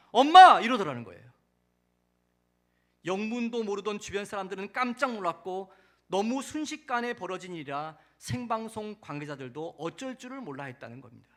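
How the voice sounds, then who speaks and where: A man preaching a sermon in a church in a high, bright voice. His pitch swings widely as he tells a story with dramatic emphasis. He climbs to loud, emphatic peaks and lets his sentence endings fall away soft. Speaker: pastor.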